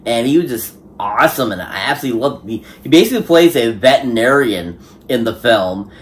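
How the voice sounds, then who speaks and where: A man's voice: mid-range voice, expressive, brisk, a little hiss or hum. A man giving a casual spoken film review, enthusiastic and rambling, with many fillers and restarts. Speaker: movie reviewer.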